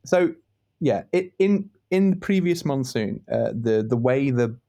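A man's voice: mid-range voice, animated, unhurried, warm tone. Jokey man in mid voice. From United Kingdom. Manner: jokey, laughs often. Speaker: robot team member. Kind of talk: casual podcast chat.

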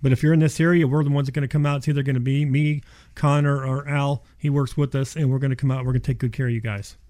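A man's voice: mid-range voice, little pitch movement, quick pace, mellow. A man speaking as a contractor guest in a casual radio interview, explaining in a folksy way and repeating himself for emphasis. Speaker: insulation contractor, show guest.

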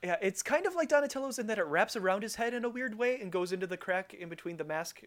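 A man's voice: high voice, animated, quick pace, fairly bright tone. A man co-hosting a podcast who recaps a cartoon episode in a wry, rambling way and laughs often. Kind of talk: casual chat.

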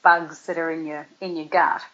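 A woman's voice: low-pitched, little pitch movement, moderate pace, a bit bright. A middle-aged woman, a guest nutrition expert, explaining food and gut health in a chatty, practical way with everyday examples. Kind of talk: casual explanatory chat. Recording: dull lo-fi audio.

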